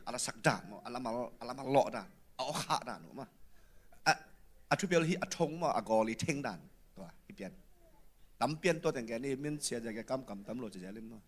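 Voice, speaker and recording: A man hosting a casual chat, talking in an animated way. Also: mid-range voice, fast talker.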